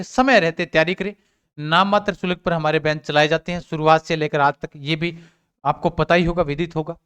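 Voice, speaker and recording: Man, animated coaching teacher. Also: sits high, clear, resonant tone. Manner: asks his own questions and answers them, repeats points. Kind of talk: casual exam update talk to students.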